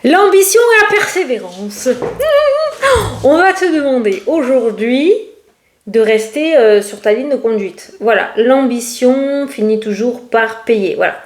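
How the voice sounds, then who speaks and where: A woman's voice: on the high side, lively intonation, slow pace. A woman doing a casual, rambling tarot reading who laughs often and speaks with a regional French accent. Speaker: tarot card reader. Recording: echoey room.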